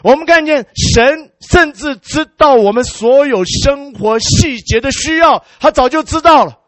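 A man preaching and telling a story in a sermon. He is animated, drops English words into his speech and exclaims hallelujah and amen. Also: extremely high pitch, unhurried, no echo.

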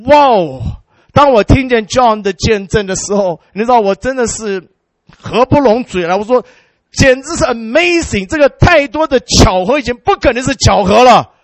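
A man preaching and telling a story in a sermon. He is animated, drops English words into his speech and exclaims hallelujah and amen. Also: very high-pitched, normal speed, dry recording.

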